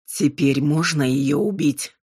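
Woman narrator doing a cold, slow male demon, low and husky. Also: dry recording, studio quality, full character voice. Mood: coldly menacing. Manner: slow, flat, predatory. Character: menacing male demon, bloodthirsty, blunt.

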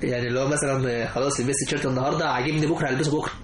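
A man's voice: medium pitch, steady tone, very fast, crowd noise. A young man with an Egyptian Arabic accent chatting casually and emphatically, often repeating his phrases. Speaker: guest. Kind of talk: casual chat. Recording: roomy echo, faint background noise.

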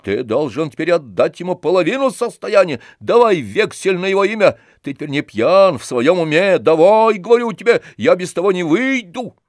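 A man reading an audiobook, voicing a spiteful, coarse middle-aged man who shouts abuse venomously. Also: high voice, big pitch swings, normal speed, few pauses, no echo, clean studio sound, pitched above the performer's own voice. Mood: shouting.

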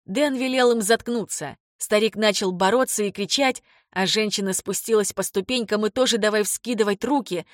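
A woman reading first-person audiobook narration in a steady, measured way. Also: mid-range voice, no room sound, studio quality. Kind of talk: scripted narration.

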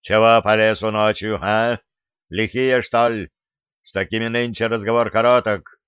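A man voicing an imperious armed rider in an audiobook, questioning slowly, loudly and with authority. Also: on the low side, fairly even intonation, clear, resonant tone, no room sound, lo-fi sound, lightly acted. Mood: commanding.

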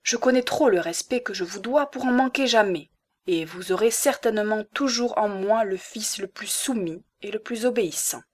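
An earnest young man speaks with clear, firm, measured formality in this storybook reading, voiced by a woman narrator. His phrasing is deliberate and polished, like a speech to an assembly. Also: mid-range voice, a little mellow, natural voice.

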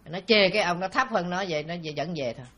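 Here a man, a Buddhist monk, shares a story in a dharma talk, speaking high-pitched and at a quick pace with a Southern Vietnamese accent. His manner stays relaxed and anecdotal, with frequent filler sounds.

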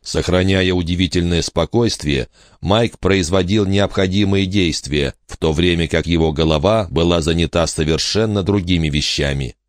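A man narrating a horror audiobook in a measured, steady storytelling manner. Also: sits low, dry recording, clean studio sound.

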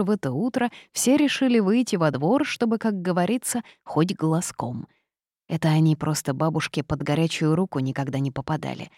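A woman's voice: fairly low pitch, a little mellow, no room sound, clean studio sound. A woman reading a first-person storybook narration aloud in a wry, sardonic manner. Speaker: audiobook narrator.

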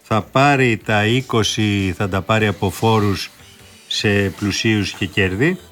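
A man's voice: fairly low pitch, fairly even intonation, a bit bright, soft background music. A man co-hosting a morning radio show, explaining economic news in a casual, insistent way. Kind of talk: casual radio talk on current affairs.

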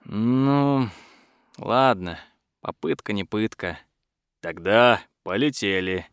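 A man's voice: fairly low pitch, lively intonation, takes it slowly, clean tone, dry recording, clean studio sound, voice pushed down. A man doing a weary, suspicious blacksmith. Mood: doubtful. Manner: sighing, suspicious. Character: weary doubtful young blacksmith.

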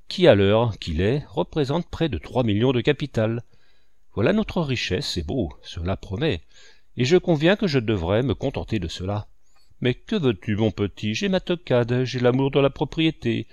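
A man's voice: mid-range voice, very animated, unhurried, darkish tone, no echo, clean studio sound. A man voicing a cynical, greedy male swindler who talks in a brash, mocking way. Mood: scheming.

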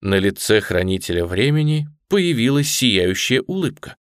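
A man reads a children's fantasy tale aloud in a low voice. His narration is expressive, with wide swings of pitch. The recording is close and dry. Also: normal speed, no room sound. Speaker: audiobook narrator. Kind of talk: scripted storybook narration.

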